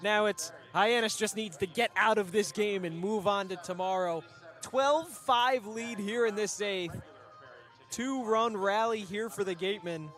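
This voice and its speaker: A man calling baseball play-by-play, brisk and chatty, bantering with his booth partner. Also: sits high, fairly bright tone, soft background music. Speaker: play-by-play announcer.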